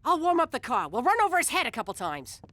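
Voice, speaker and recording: A woman's voice: high-pitched, very animated, quick pace, very noisy. A woman voicing a sly middle-aged mob wife and mother in an adult cartoon, tough and offhand. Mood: brisk.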